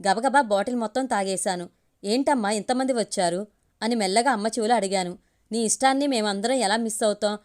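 A woman's voice: medium pitch, quick pace. A woman reading a romantic story aloud in the first person, voicing the other characters in her own tender storytelling voice.

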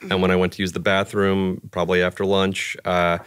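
A man's voice: low voice, completely flat delivery, fairly quick, a bit bright, clear, resonant tone. A man on a podcast telling an embarrassing story about himself, laughing as he goes. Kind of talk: casual anecdote.

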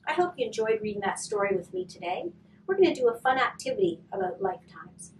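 In a curtained room indoors, a woman in her thirties volunteering at a hospice reads stories to children and shows an activity. Very animated yet soft, slow and gentle, her slightly high voice often fades to a whisper; a far camera catches her a little off-mic, with faint room noise.

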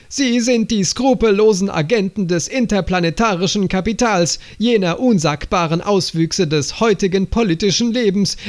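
A man voicing a ranting male senator who shouts bombastic political tirades in an audiobook. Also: high voice, voice pushed up, natural voice. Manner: shouting, pompous oratory.

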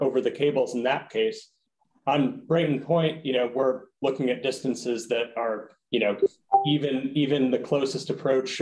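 A man's voice: medium pitch, darkish tone, low-quality recording. A man serving as a technical expert at a public hearing, explaining at length with many fillers and restarts.

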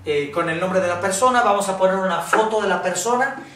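A woman's voice: medium pitch, brisk, a bit bright, a little hiss or hum. A woman with a Mexican accent teaching a casual workshop lesson, blunt and swearing freely, often checking in with "¿ok?". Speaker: workshop facilitator. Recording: echoey room from far off.

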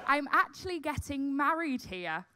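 Female cruise director, upbeat host with Northern English accent, high voice; echoey spaces, loud music behind. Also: big pitch swings, moderate pace. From Yorkshire, England. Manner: upbeat cruise director delivery, cheery and enthusiastic. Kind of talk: presenting to camera and audience. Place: large cruise ship atrium, theatre stage, open port. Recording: echoey, distant mic, loud music and crowd.

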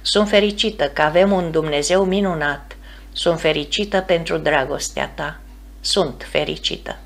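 Woman reading as a gentle young bride, low gravelly voice, soft and earnest, audiobook. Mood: tender. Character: young woman, devout bride-to-be, calm and tender.

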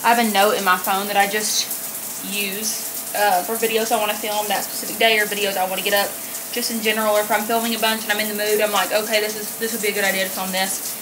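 A young woman chatting straight to her camera in her bedroom, loose and rambling, full of "like" and "um". She sounds relaxed and conversational, as if filming herself on a phone or desk camera. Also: mid-range voice, fast, background noise. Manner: chatty, rambling, heavy use of "like" and "um". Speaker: beauty vlogger. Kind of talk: casual vlog chat. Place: bedroom with vanity mirror, indoors. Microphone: camera on a desk or handheld at arm's length.

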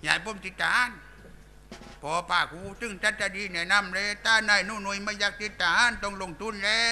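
A man's voice: high voice, a little fast, sharp tone, heavily acted. A man voicing a bawdy male village clown in a Southern Thai accent, telling coarse jokes in a live shadow puppet show. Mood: bawdy joking. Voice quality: coarse, rowdy, bantering.

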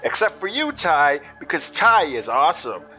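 Young male gaming host, sharp bright voice, self-deprecating and sweary, soft music behind. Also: fairly high pitch, sing-song, normal speed. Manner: profane, rambling, self-deprecating. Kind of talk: casual game commentary.

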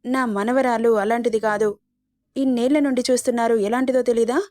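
A woman's voice: on the high side, fairly even intonation, fairly quick, a little mellow, no room sound, clean studio sound, lightly acted. A woman voicing a loving old grandmother. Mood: indignant. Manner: soothing, consoling. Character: loving protective elderly grandmother, gentle.

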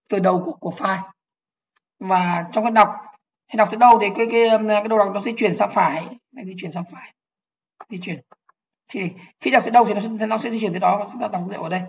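A woman with a mid-range voice speaks quickly in an online programming lecture, explaining step by step, repeating key phrases and asking whether the class is following. The audio has its high frequencies cut off.

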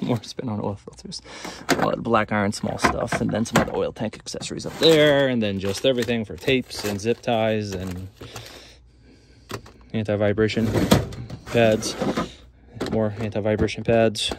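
A man with a low-pitched, gravelly voice walks through his service van, naming parts and tools one after another with plenty of "um"s. He talks in a loose, unscripted way. The audio is noisy, with a steady hiss behind him. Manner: rambling, list-like, many fillers. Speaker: self-employed HVAC technician. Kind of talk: casual van tour walkthrough. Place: inside a work van.

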